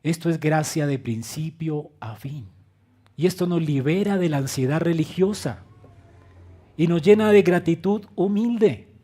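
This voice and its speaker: A man preaching a sermon as pastor, swinging between quiet low phrases and loud emphatic bursts, and asking the congregation direct questions. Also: animated, a little slow. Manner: acts out quoted lines with direct questions to the congregation.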